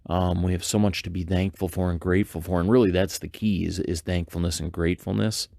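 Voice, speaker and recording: A man with a very low, gravelly voice hosts a devotional podcast. He talks in an earnest, reflective way, stopping and restarting often. The recording is dry and close, with no room echo. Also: little pitch movement, darkish tone. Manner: halting, many fillers and restarts. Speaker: podcast host. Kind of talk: casual devotional monologue.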